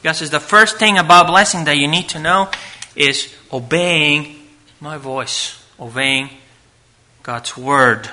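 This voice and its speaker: A male preacher delivers a sermon from the pulpit in a very bright, forceful voice. He takes his time, stretching key words and putting questions to the congregation as he works through scripture. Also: a little high. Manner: emphatic, with rhetorical questions and drawn-out words.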